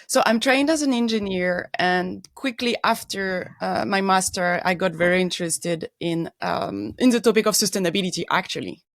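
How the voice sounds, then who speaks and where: A middle-aged woman speaks English with a French accent, explaining her engineering work with care. She pauses often to search for words and fills the gaps with ums. Her voice sits at an ordinary pitch, recorded close and dry with no room sound. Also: no echo. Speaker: guest expert, engineer. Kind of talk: casual podcast interview.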